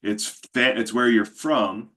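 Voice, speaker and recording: A man's voice: medium pitch, steady tone, slow pace, fairly bright tone. A man from New Jersey, an instructor reflecting thoughtfully in a class discussion over a video call.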